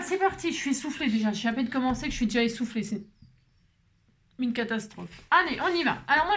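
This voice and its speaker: A chatty woman talks her viewers through a craft project at her table, rambling and asking for their reactions as she goes. Her voice sits a little high, with a faint hiss behind it. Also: pushed and bright. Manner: chatty, rambling, constant "hein" asides to viewers. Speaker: crafting channel host. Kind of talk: casual crafting chat to viewers. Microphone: camera set up on the table.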